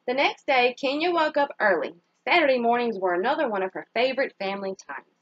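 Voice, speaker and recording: Reading a children's story aloud in a teacher's manner, a woman with a fairly high and very lively voice pauses to pose simple questions to her young listeners and praises their answers. She is reading from a picture book. The recording is dry and somewhat dull.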